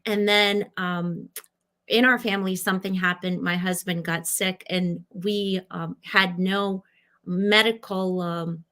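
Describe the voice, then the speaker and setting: A woman in her forties with a Ukrainian accent, a wellness coach telling her story as a podcast guest in earnest, slightly halting English. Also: lowish voice, steady tone, pushed and bright. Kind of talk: casual interview talk.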